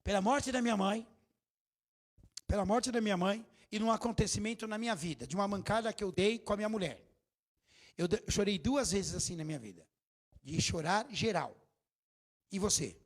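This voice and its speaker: A middle-aged man with a Brazilian accent preaching a sermon in a church, jokey and scolding, bursting into shouts. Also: sits high, moderate pace, pauses often. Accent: Brazilian Portuguese. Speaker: pastor. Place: church hall.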